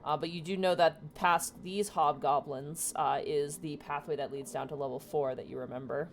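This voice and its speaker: A woman's voice: sits low, steady tone, moderate pace. A woman game master improvising narration for an online tabletop game, recorded with faint noise. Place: online voice call for a virtual tabletop. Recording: faint noise on home microphone.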